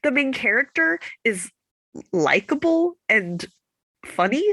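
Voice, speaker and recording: A woman chatting casually as a book podcast co-host, playful and quick to laugh, her voice congested because she can't breathe through her nose. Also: sits high, no room sound. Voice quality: congested, stuffy blocked-nose voice. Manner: playful, animated, laughs easily. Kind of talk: casual chat.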